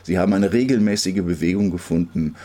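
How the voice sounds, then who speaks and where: A man reading literary fiction aloud in a calm, measured, rhythmic way. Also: deep voice. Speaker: reader.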